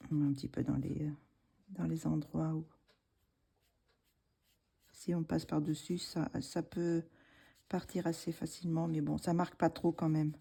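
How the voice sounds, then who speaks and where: French-accented woman, gravelly and dark, unhurried craft tutorial host. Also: deep voice. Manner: relaxed, hesitant, thinking aloud while working. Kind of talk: casual craft tutorial narration.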